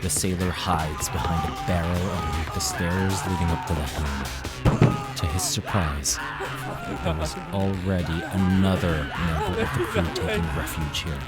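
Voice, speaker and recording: Over dramatic background music, a man with a low, unhurried voice acts as a young male student telling a scary story about the sea. The narration is theatrical, ominous and full of suspense.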